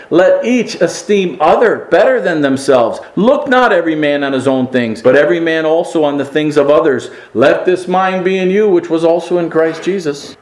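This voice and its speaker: A man delivers a sermon with fairly high pitch, rising to emphatic peaks and falling to hushed asides. His voice rings in an echoey room. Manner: preaching with rising emphatic peaks and quiet drops. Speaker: pastor.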